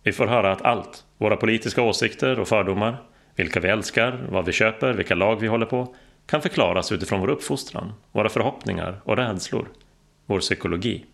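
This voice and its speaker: Gravelly low-voiced male narrator. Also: a bit bright. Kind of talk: audiobook narration.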